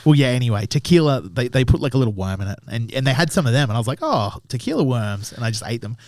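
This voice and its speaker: A young Australian man guests on a podcast, a tattoo artist spinning loose stories in casual chat. His mid-range voice is sing-song, quick and a little mellow, recorded on a dry mic with no room sound. He swears often and does voices to act out his anecdotes.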